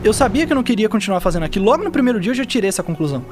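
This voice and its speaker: A man's voice: high-pitched, very animated, very fast, over music. A young man with a Brazilian accent chatting casually on a podcast, explaining things with examples in slangy speech. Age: young adult. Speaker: podcast guest, digital marketer. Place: indoor podcast studio. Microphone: dynamic mic on boom arm, close.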